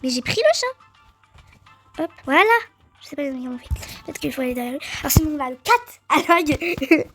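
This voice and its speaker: High-voiced, chatty woman doing game commentary. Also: moderate pace, soft background music. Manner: chatty and excitable, addressing viewers directly. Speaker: gaming video creator. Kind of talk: let's-play game commentary.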